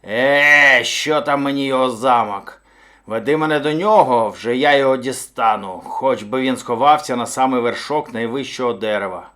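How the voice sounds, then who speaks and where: A man's voice: medium pitch, unhurried. A man voicing a hungry, furious male bear who roars and blusters in a storybook tale. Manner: roaring, blustering shouts. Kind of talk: storybook read-aloud.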